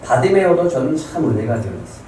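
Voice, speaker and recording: Male pastor, warm sermon voice, heard from a distance in a reverberant church. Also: mid-range voice, very animated, fast talker, a little hiss or hum. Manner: calls out to the congregation, reads scripture aloud with them. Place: church sanctuary. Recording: echoey church hall from far off.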